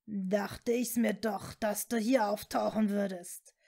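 A woman voicing an evil male dark wizard who talks in a cold, mocking, hissing way. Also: mid-range voice, fairly even intonation, creaky. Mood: scornful. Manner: slow, scornful, hissing.

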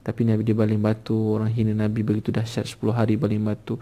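A man's voice: lowish voice, monotone, rapid-fire, dark tone. A man with a Malaysian accent preaching a sermon, telling stories fervently and often interjecting "ha". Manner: fervent storytelling with frequent "ha" interjections.

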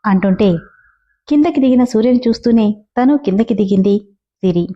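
A woman host reading a story aloud in a steady, gentle narration with direct appeals to listeners. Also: a little high, moderate pace, muffled recording.

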